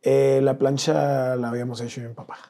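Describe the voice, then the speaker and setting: A man from Mexico, an interview guest telling an emotional personal story in an earnest, slangy way, dropping to a hush at painful moments. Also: mid-range voice, little pitch movement, brisk.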